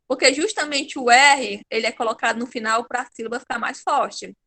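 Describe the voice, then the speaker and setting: A Brazilian woman with a high voice teaches an online class. She is patient and encouraging and praises each pupil by name. Her tone is bright and clear, heard through a computer mic on a video call. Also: normal speed. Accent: Brazilian Portuguese.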